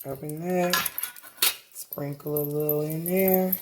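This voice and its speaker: A middle-aged woman with a smoker's rasp, chatting casually to viewers while busy in her kitchen. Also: deep voice, steady tone, slow pace. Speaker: vlogger. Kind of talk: casual chatty cook-with-me vlog. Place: indoor home kitchen. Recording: noisy kitchen with clattering and clicks.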